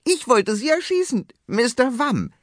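A man voicing a brash, boastful male tomcat who talks fast and pushy in a storybook. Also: very high-pitched, big pitch swings, no echo, voice pushed up, full character voice. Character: brash male tomcat film director, cocky hustler. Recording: dry studio audiobook.

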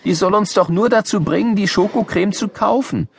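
A man's voice: high-pitched, moderate pace, vocal fry. A man voicing a sensible, doubting schoolgirl in a children's audiobook, reasoning and skeptical. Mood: insistent.

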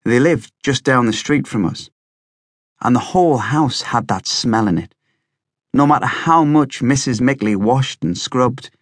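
A man's voice: medium pitch, lively intonation, measured pace, no room sound, studio quality. Man reading an audiobook. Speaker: audiobook narrator. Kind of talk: scripted audiobook narration.

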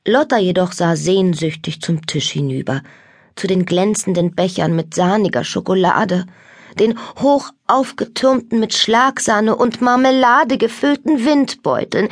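Lively, husky woman reading a kids' book. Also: mid-range voice, dry recording, studio quality. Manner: lively, expressive storytelling. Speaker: audiobook narrator. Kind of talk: children's audiobook narration.

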